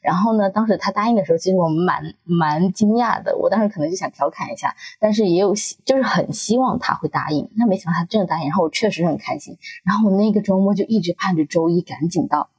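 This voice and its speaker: A podcast co-host in her twenties tells a story in casual chat, laughing often and acting out quotes with animated energy. Her voice is husky and lowish, and she talks quickly with hardly any pauses.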